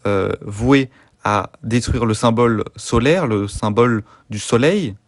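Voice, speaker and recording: Guy doing a fake-serious theory breakdown, deadpan, lots of uhs, mid voice, dry close sound. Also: medium pitch, measured pace, no echo. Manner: deadpan, over-earnest, with frequent hesitations. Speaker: YouTube host. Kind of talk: mock-serious fan theory analysis.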